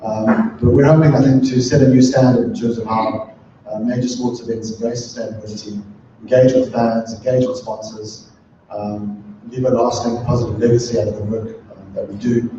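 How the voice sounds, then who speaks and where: Middle-aged man, panel guest, halting with ums; dull, echoey recording. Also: medium pitch, flat delivery, mellow, slight background noise. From southern Africa. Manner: thoughtful, many ums and restarts. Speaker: panel guest, sustainability consultant. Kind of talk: talk at a live event. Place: event room with an audience. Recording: echoey, distant, muffled room recording.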